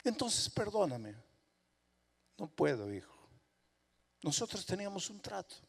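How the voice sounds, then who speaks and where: A man preaching a sermon, telling a story and acting out its dialogue, dropping to a hush and then rising loud and urgent. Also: high-pitched, sing-song, unhurried, gravelly, slightly rough. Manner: dramatic, acts out dialogue, swings from hushed to loud. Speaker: pastor. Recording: long hall reverb.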